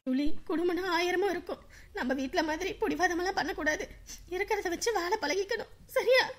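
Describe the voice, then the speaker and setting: A woman's voice: very high voice, brisk, fairly bright tone. A woman playing a tearful mother seeing off her daughter in a TV serial, pleading with her. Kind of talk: TV serial acting.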